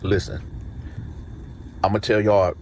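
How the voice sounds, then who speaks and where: A man casually telling a story, acting out dialogue with animated streetwise slang. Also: lowish voice, takes it slowly, a little hiss or hum.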